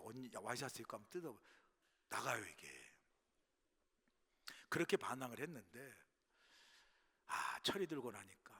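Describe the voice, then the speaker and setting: A middle-aged man preaching a sermon as pastor, telling stories, dropping to hushed asides and rising to loud bursts. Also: mid-range voice. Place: church sanctuary. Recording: long hall reverb.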